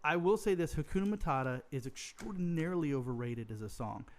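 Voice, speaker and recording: A man's voice: fairly high pitch, lively intonation, a little fast, noisy background. A man co-hosting an online church trivia show in a loose, joking chat, laughing often.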